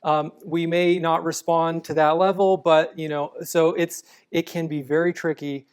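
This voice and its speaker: A calm, measured man with a smooth, slightly high voice appears as an apologetics guest. In conversational interview answers he explains carefully, often stopping to restart.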